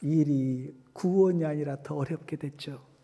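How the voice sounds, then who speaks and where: A man's voice: on the high side, unhurried, vocal fry, warm tone. A male pastor giving a sermon emphatically, repeating key words and asking rhetorical questions. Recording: reverberant church hall.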